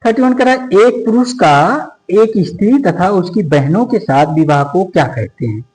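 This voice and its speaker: A man's voice: high-pitched, animated, moderate pace, a little mellow, poor audio. A man tutoring sociology for competitive exams, going through multiple-choice questions one option at a time and repeating numbers for his students. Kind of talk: exam-prep lecture.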